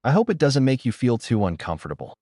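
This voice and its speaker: A man voicing a kindly old grandfather who talks in a gentle, reassuring way in a storybook reading. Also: mid-range voice, sing-song, quick pace, no echo, studio quality, pitched above the performer's own voice. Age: older.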